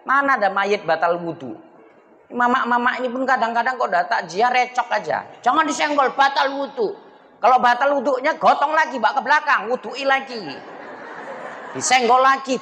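A man's voice: very high-pitched, normal speed, sharp tone, big-room sound. Joking male preacher. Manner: joking, chatty, addresses the crowd as Pak and Bu. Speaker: Islamic preacher. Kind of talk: humorous mosque sermon. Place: mosque.

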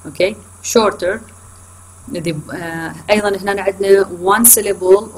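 A woman's voice: medium pitch, poor audio. A woman with an Iraqi Arabic accent gives a recorded online lecture to her students. She mixes English terms into her explanations, corrects herself often and checks in with questions. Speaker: university lecturer.

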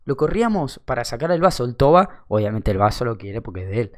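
With a quick pace and big pitch swings in a mid-range voice, a young man tells a funny story in Rioplatense Argentine Spanish. His casual delivery is slangy and peppered with swear words.

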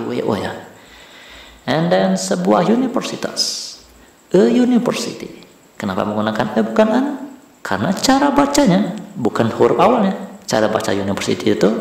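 A man's voice: medium pitch, vocal fry. A man teaching an English grammar lesson, repeating and stressing key words. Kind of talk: bilingual classroom-style lesson. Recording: very echoey room.

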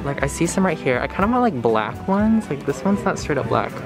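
A woman in her twenties vlogs in a bubbly, playful, slangy way, holding a handheld camera at arm's length while outdoors, in a car and in shops. Her deep voice is sing-song and fairly quick, with music playing underneath the casual chat.

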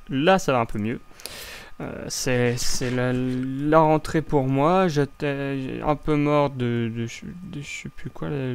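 A young man with a French accent chatting casually as he plays a building game, rambling with lots of restarts. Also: medium pitch. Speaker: Minecraft let's play host. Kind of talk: casual gameplay commentary.

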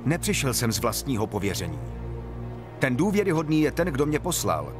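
A man voicing Jesus as a calm, authoritative teacher, speaking in a solemn, measured way over soft music in a Bible story. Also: lowish voice, natural voice. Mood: proclaiming.

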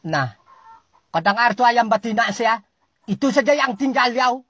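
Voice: lively intonation, moderate pace, fairly bright tone, no room sound, dull audio. Exasperated Sabahan-accented comic storyteller. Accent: Sabahan Malay. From Sabah, Malaysia. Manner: exasperated, scolding an unseen listener, pitch jumping up and down. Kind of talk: comic ranting monologue.

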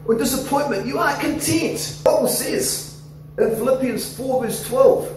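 High-voiced Australian pastor in an echoey hall. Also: male voice, normal speed, faint music behind. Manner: animated, gesturing, coaxing the congregation. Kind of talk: sermon. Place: church hall, indoors. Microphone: handheld microphone. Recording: echoey hall, somewhat distant, faint noise.

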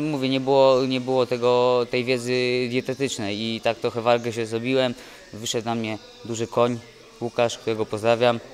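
A young man, a boxer, speaking in a halting, dejected way with many restarts in a post-fight interview at an indoor event press wall. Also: mid-range voice. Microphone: handheld mic held by interviewer.

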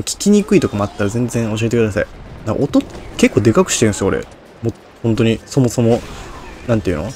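A man's voice: medium pitch, a little mellow. A man giving rambling, self-deprecating commentary on a game, his diction slurred and hard to catch. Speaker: game streamer. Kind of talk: casual Let's Play commentary.

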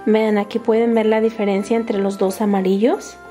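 A woman with a Latin American Spanish accent hosting a children's toy video in a bright, sing-song, excited manner. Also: medium pitch, normal speed. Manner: bright, sing-song, excited, addressing little viewers with diminutives. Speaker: host of a children's toy channel. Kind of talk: toy unboxing and craft narration for children. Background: background music.

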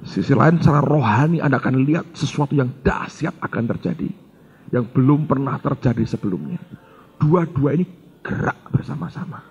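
Animated husky male pastor preaching. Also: medium pitch, normal speed, lo-fi sound. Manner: animated storyteller acting out dialogue, addressing the congregation. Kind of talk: storytelling sermon.

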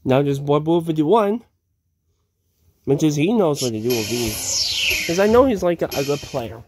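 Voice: medium pitch, animated, a little slow. A gamer giving casual, rambling gameplay commentary, chatting to themself and to viewers. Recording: loud game music behind the voice. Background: loud game music.

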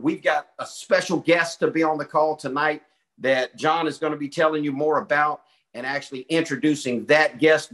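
Bright, folksy Southern man in his fifties. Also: on the high side. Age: 50s. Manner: folksy, enthusiastic hype-man. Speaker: call host. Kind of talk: hyped conference call intro.

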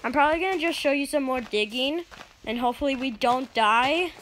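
A woman talks through her game in a loose, rambling way and keeps dropping in filler sounds. Her voice sits high and has a bright edge to it. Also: fairly quick, slight background noise, poor audio. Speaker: let's play host. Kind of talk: casual gameplay commentary.

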